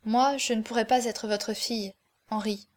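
Rich: A woman voices a young girl in love, earnest and fervent, her words coming with tearful warmth. The voice is a touch high in this audiobook reading. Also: fairly even intonation, moderate pace, close to an everyday voice. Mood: tender.

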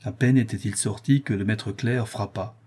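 Male audiobook narrator, measured and steady, warm tone with a husky edge. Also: on the low side. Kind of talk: scripted narration of a novel.

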